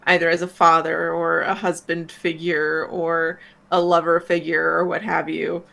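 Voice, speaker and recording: Casting: woman, lowish voice, reflective film reactor, hesitant with fillers. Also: little pitch movement, a little slow, creaky, pushed and bright. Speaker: movie reaction co-host. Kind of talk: casual chat.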